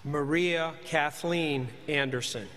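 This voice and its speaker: Man at a podium microphone, formal ceremony announcer, deliberate name reading, faint room ambience. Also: on the high side, a bit bright, slight background noise. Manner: measured, deliberate reading of names. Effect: speaking into a podium microphone in a large hall. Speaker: commencement announcer. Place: large ceremony hall. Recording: reverberant hall, faint ambience.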